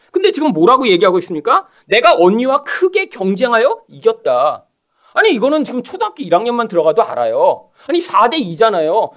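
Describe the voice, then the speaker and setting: A middle-aged man preaches a sermon in a high, bright register. His pitch swings widely. He keeps calling out to the congregation and slips into the voices of the people in his stories. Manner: animated, acts out quoted voices, addresses congregation often. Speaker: pastor.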